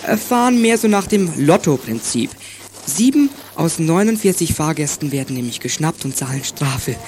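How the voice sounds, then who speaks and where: A man's voice: fairly high pitch, a little mellow. A man delivering satirical scripted narration as a show narrator, dry and ironic, with background noise.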